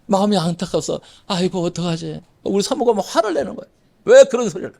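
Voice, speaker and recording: A middle-aged male pastor delivers a Sunday sermon with a lively, swooping voice that sits high for a man. He hammers his points home by repeating phrases and calling out to the congregation. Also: quick pace, creaky. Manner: emphatic preaching, repeating key phrases and addressing the congregation.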